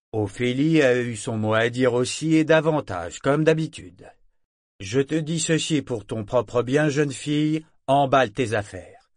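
A man's voice: mid-range voice, no echo, studio quality, lightly acted. A man playing a shrewd middle-aged ship captain who speaks in a firm, emphatic, stern way.

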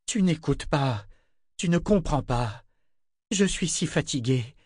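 A drunk and worn-out grown man, as a male narrator puts him on, pleading in a slow, slurred drawl. The voice is pushed higher than the reader's own and rises as he begs. Recorded close and dry, with no room sound. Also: expressive, darkish tone, husky, dry recording, full character voice. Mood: weary pleading.

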